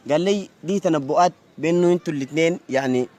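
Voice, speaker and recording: A man playing a smooth-talking Sudanese student. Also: a little high, rapid-fire, a little mellow, lightly acted. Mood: charming. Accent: Sudanese Arabic. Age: young adult. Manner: chatty, keeps saying "you know?". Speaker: university student.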